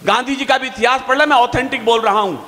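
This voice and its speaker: A man reciting his poetry on stage in a fiery, declaiming style, stretching his verse lines slowly. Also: very high voice, sharp tone. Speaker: poet on stage. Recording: long hall reverb.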